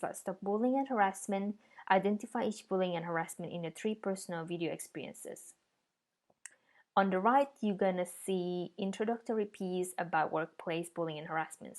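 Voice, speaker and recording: A woman with a slightly low voice presents a project. She explains it step by step, as a designer walking listeners through her work.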